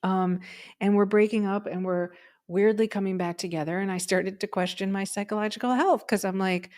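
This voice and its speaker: A woman's voice: medium pitch, fairly even intonation, fairly quick, a little mellow. A woman co-hosting a podcast, telling a personal story in a chatty way, often tagging "right?" onto her sentences. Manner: chatty, frequent "right?" and "um" fillers. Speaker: podcast co-host. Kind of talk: casual conversational storytelling.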